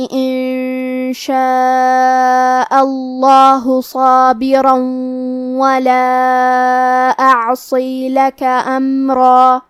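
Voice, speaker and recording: High-voiced woman teaching recitation rules. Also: no room sound, studio quality. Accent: Pakistani Urdu. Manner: methodical, steady explanatory delivery, drawn-out slow recitation. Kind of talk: tajweed lesson, explaining rules then reciting slowly.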